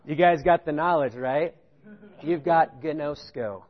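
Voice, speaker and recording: Taking it slowly, a preacher with a fairly high voice leads a lively sermon that draws in his audience. He chuckles between points, raises his pitch to stress key ideas, and keeps asking "right?" to check in. The sound is dull and lo-fi.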